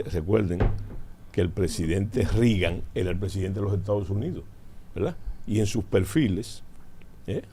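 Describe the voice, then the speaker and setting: A man's voice: lowish voice, dark tone, a little hiss or hum. An older man with a Dominican Caribbean Spanish accent giving political and military commentary, teaching emphatically with repeated phrases and rhetorical questions. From Dominican Republic. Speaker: military analyst, studio guest.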